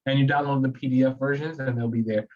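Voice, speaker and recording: A man's voice: medium pitch, fast talker, far from the mic, lo-fi sound. Laughing New Yorker man, off-mic. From New York. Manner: laughs often, animated and talkative. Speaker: real estate agent co-host. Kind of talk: casual training chat.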